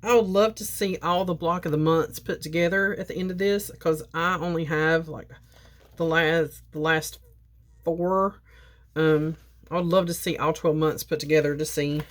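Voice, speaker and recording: A woman's voice: sits low, steady tone, normal speed. A woman vlogger chatting casually through an unboxing, talking to her viewers, repeating herself and sipping coffee as she goes. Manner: sips coffee while talking. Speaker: crafting vlogger.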